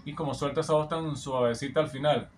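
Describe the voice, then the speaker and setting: A man's voice: medium pitch, fairly even intonation, fast, loud music behind the voice. A man acting as a vocal coach, explaining singing technique in an admiring, explanatory way. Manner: admiring, explanatory, often sings snippets back. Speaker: vocal coach analyzing a singer. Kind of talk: reaction and vocal analysis commentary. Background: song playing in the background.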